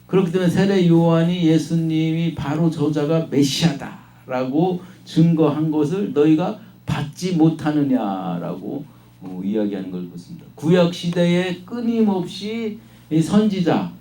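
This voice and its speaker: A man giving a sermon at an unhurried pace with many hesitation fillers, now and then acting out questioning voices. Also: on the high side, mellow, recorded from a distance. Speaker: preacher. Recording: echoey room, voice from off-mic.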